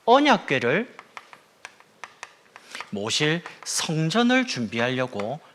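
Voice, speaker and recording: A man from the Gyeongsang region preaching a sermon as pastor, in a playful, lively way. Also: fairly high pitch, slow, a little hiss or hum. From Gyeongsang region, South Korea.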